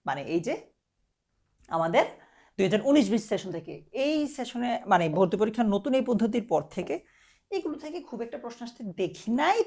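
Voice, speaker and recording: A woman's voice: fairly high pitch, darkish tone. A young woman tutor, giving a casual exam-prep lecture in a direct, coaxing way and often checking that students follow. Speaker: admission test tutor.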